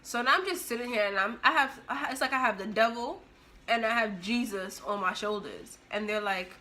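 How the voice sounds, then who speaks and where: A young woman vlogger telling a story in an animated, expressive way, acting out the scene as she goes. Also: a little high, a little fast. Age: young adult. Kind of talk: storytime vlog.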